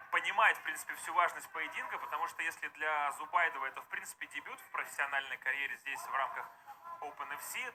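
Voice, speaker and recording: A man with a high-pitched voice hosts and analyses a live fight broadcast. Clear background noise from the arena runs under his commentary. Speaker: MMA commentator and broadcast host.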